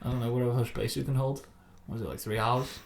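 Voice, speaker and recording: Fast-talking man, jokey podcast host. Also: mid-range voice, steady tone, creaky. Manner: fast, jokey, swears freely. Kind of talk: casual chat.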